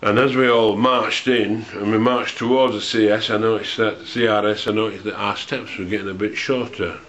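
A man in his sixties telling a personal memory, unhurried and hesitant, with a dry, wry humour. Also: fairly low pitch, steady tone, a bit bright. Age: 60s. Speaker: storyteller recalling a student memory. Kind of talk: unscripted spoken memoir. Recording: dull lo-fi home recording.

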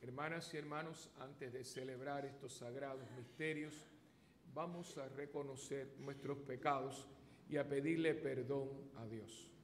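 A man leading Mass as a priest, praying in a measured, solemn, phrase-by-phrase way with cathedral-like echo. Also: medium pitch, steady tone. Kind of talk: slow liturgical prayer. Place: church sanctuary, indoors. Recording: echoey church hall, long reverb, background noise.

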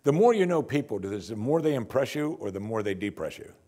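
A sermon comes from an older man, a pastor at a church pulpit, who speaks in a lively, wry, conversational manner. His medium-pitched voice moves fairly quickly, and he's recorded on a lapel mic.

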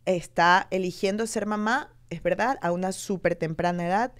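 A woman's voice: lowish voice, normal speed. A woman from Ecuador in her thirties, a television presenter being interviewed, telling her story candidly and acting out what people said. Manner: animated storytelling, acting out quoted voices.

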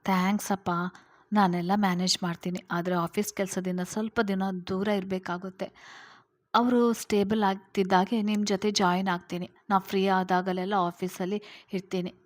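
A woman's voice: medium pitch, flat delivery, moderate pace, close to an everyday voice. A woman voicing an earnest, playful young man in a spoken family story.

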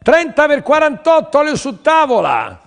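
A man's voice: very high voice, wildly swooping pitch, moderate pace, vocal fry, in a large hall. A man selling paintings on a TV auction, pushing buyers and repeating his lines to urge them on. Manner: pushy, urging, repeats phrases. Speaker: TV art sales presenter. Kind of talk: televised art auction pitch.

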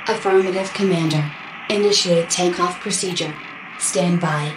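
A woman's voice: lowish voice, fairly even intonation, moderate pace, background noise, close to an everyday voice. A woman voicing a composed spaceship computer assistant, making clipped, formal system announcements. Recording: echoey, distant, music behind.

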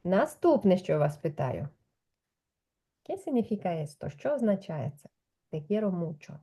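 A woman's voice: fairly low pitch, big pitch swings, moderate pace, mellow, breathy edge. A woman teaching Spanish in a patient one-on-one lesson, explaining step by step and checking with questions.

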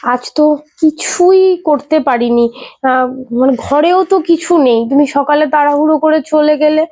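A woman's voice: high-pitched, measured pace, mellow. A woman acting as a wife in a family short drama, pleading and soothing.

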